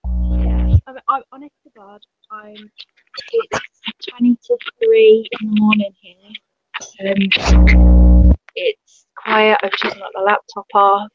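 A woman's voice: medium pitch, slow pace. A woman caller talking in a casual, hesitant way over call audio that buzzes and breaks up. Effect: buzzy, glitchy call audio that breaks up. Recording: lo-fi call line with loud music.

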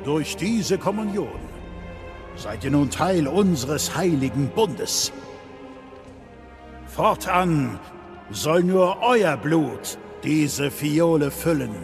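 In a game drama, a male actor with a fairly high, expressive voice plays the solemn, grave leader of a knightly order. His ceremonial, measured oration is heavily acted, with soft music playing in the background.

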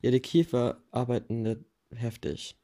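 A man reading a first-person novel aloud in a plain, steady way, with small self-corrections now and then. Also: medium pitch, measured pace. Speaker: audiobook reader.

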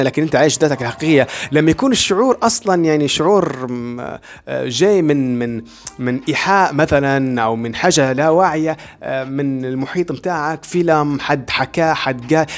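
A man with a Libyan Arabic accent, hosting a self-development podcast and explaining ideas in rapid, repetitive lists. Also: on the high side. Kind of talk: motivational talk.

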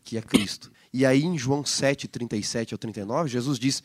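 In a Bible study discussion, a pastor co-hosting a Bible lesson program teaches scripture in an instructive way. He speaks a little fast in a mid-range voice with a Brazilian Portuguese accent.

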